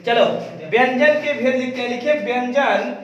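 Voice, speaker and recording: A man's voice: very high voice, steady tone, moderate pace, lo-fi sound, a crowd in the background. A male teacher, drilling his class with call-and-response questions. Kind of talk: classroom lesson. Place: echoey classroom. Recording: very echoey classroom, far from mic. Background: students answering in chorus.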